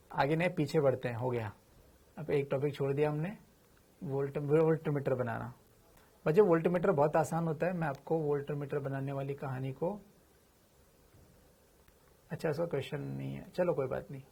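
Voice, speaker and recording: Speaking a little high in a creaky, husky, dark-toned voice, a man teaches physics informally and chattily. He answers his own questions, addresses students familiarly, and drops in slang.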